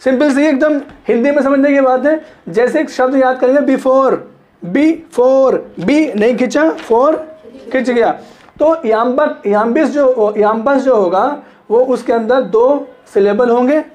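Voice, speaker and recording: A man's voice: very high-pitched, measured pace, darkish tone. A man teaching literature in a classroom lecture, repeating points, checking understanding and stretching words to show stress.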